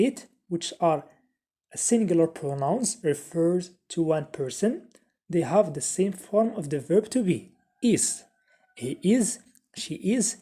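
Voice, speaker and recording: A woman with as her teaches a beginner English grammar lesson. Her voice is dark and soft, with a husky edge. She moves steadily and repeats each example sentence. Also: lowish voice. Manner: slow, repeats example sentences with Arabic translations.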